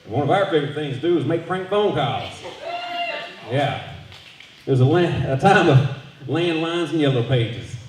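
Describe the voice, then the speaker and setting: Stand-up comic, thirties, animated and crude, recorded echoey from a distance at a bar gig. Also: male voice, on the high side, moderate pace, long pauses, a little hiss or hum. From Southern US. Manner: loose, profane storytelling with animated voice jumps. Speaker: stand-up comedian. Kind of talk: stand-up comedy set. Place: brewery comedy showcase stage. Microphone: handheld stage microphone. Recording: echoey room from far off.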